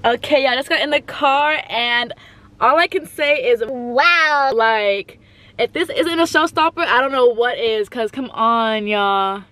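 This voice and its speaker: A teenage girl talking casually to her viewers in a vlog, chatty and excited, filming herself on a handheld phone. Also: fairly high pitch, unhurried. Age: late teens. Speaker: vlogger. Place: on the go, at home, in a car and at a friend's house. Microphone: handheld phone camera.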